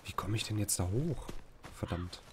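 A man's voice: fairly low pitch, expressive, moderate pace, background noise. A man with a German accent giving casual, rambling commentary while playing a video game, often exclaiming at what he sees. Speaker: let's play commentator.

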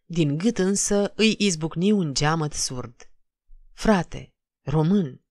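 A woman narrating an audiobook of a classic novel in a measured, dramatic reading. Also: on the low side, no room sound. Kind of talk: scripted literary narration.

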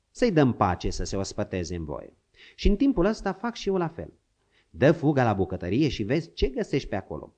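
A gruff, crafty old frontier hunter grumbles and coaxes in a lively, swooping voice, as a man puts him on. The audiobook recording sounds dull and lo-fi. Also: medium pitch. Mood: easygoing. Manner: grumbling, scolding, coaxing.

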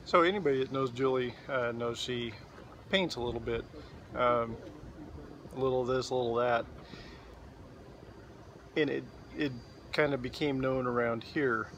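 A man in his forties vlogging outdoors in a boatyard, talking into a phone held at arm's length in a relaxed, rambling way. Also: medium pitch, measured pace, pauses often, a little hiss or hum. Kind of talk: casual video diary. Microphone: phone camera at arm's length.

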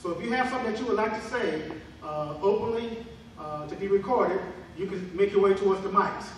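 A middle-aged man, hosting a town hall as county commissioner and speaking haltingly with many fillers into a handheld mic. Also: high voice. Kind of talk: public address at a town hall meeting. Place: large community hall, indoors. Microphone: handheld mic in a big room, heard from afar. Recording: echoey hall heard from far off with noise.

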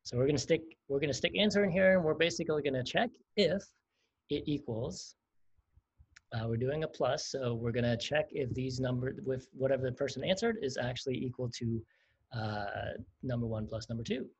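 A man's voice: mid-range voice, brisk, slightly rough. A man teaching a livestreamed coding lesson, chatty and explanatory, often laughing. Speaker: coding instructor. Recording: dull lo-fi stream audio.

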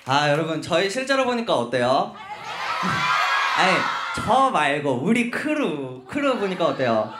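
A man with a high, very lively voice hosts a live fan event from a concert hall stage. He talks to the audience in a playful, teasing way and tells animated stories. His voice rings through an echoey hall with faint noise behind. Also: takes it slowly. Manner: playful, animated storyteller who teases the crowd. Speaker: crew member hosting a fan talk show. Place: concert hall stage before about 300 fans.

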